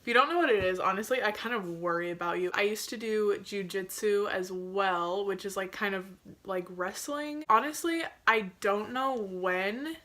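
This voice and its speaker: A woman's voice: medium pitch, normal speed, pushed and bright. A young woman telling a casual, gossipy storytime in a chatty, self-mocking way, peppered with "like". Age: young adult. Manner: chatty and gossipy, with heavy filler "like"; self-mocking, jokey delivery. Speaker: video creator telling her own story.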